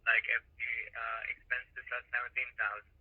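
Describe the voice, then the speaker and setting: A man working as a telemarketing agent, speaking courteously and haltingly over a telephone line. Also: level tone. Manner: halting, courteous, says sir often. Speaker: insurance call agent. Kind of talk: telemarketing call. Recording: muffled low-fidelity telephone line.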